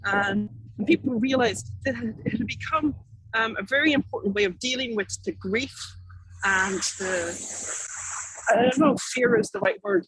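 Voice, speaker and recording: Irish woman, higher-pitched, speaking informally. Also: slightly rough, no echo, poor audio. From Ireland. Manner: hesitant, self-correcting, rambling delivery. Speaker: keynote speaker, artist and activist. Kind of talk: informal conversational keynote talk.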